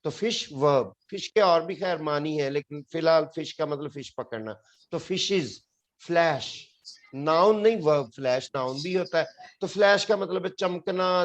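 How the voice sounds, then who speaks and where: In a classroom, a man from Pakistan teaches an English spelling lesson, explaining patiently and repeating each word. His voice is fairly high and his pace measured.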